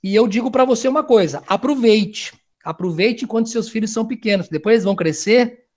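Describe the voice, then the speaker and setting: A middle-aged man, a family counselor giving a loud, animated talk to parents. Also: sits high, brisk. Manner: loud, animated, talks of speaking loudly.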